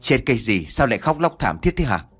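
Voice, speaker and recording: A man's voice: medium pitch, sing-song, fast talker, a bit bright, husky, faint music behind. A man voicing an older village chief in an audio story, speaking humbly and earnestly. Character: older male village chief, kind, remorseful.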